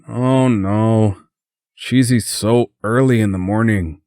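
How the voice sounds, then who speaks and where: A man's voice: on the low side, takes it slowly, mellow, dry recording, clean studio sound, voice pushed up. A man voicing a sleepy young man in a storybook reading, groaning and whiny.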